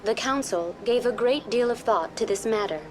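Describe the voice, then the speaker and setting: A woman voices a courteous female virtual intelligence serving as a tour guide on a space station in a science fiction game, delivering scripted informational dialogue. Her fairly high voice is lightly acted, formal, measured and impersonal, with a polite, composed mood.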